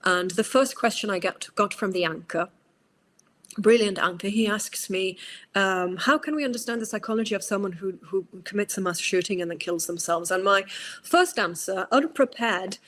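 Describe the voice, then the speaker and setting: A Norwegian psychologist, appearing as a guest, answers interview questions at length and thoughtfully in English with a British-tinged accent, using many fillers and restarts. Her voice is medium-pitched and fairly bright, at a moderate pace.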